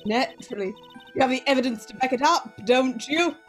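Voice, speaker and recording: A woman's voice: high voice, brisk, soft background music, lightly acted. A woman voicing a scheming young witness in a casual fan read-through, slipping into a mocking evil voice. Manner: sweet then mocking evil voice, giggling.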